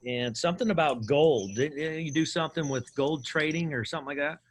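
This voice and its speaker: A man's voice: a little high, a little fast, slight background noise. A man hosting a podcast, enthusiastic and chatty, rambling a little with restarts. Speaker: podcast host. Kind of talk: casual interview hosting.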